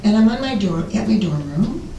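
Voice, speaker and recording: An older American woman with a raspy voice, giving an informal, rambling, self-deprecating talk about herself as a presenter. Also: animated, normal speed, mellow. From Illinois, United States. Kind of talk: informal autobiographical talk to an audience. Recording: roomy, distant mic, faint rumbling noise.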